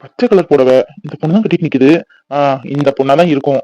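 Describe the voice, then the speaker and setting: A man's voice: a little high, fast, warm tone, dry recording, lightly acted, low-quality recording. A man voicing a teasing, playful young husband in a cartoon. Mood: scheming. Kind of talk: Tamil cartoon voice acting.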